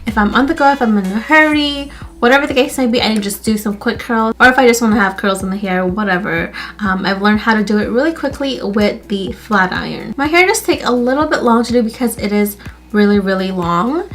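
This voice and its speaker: A beauty YouTuber with a stuffy nose walks viewers through a hair tutorial, chatting casually in a slightly high, somewhat fast, fairly bright voice. She's friendly and talkative, leaning constantly on "literally" and "like."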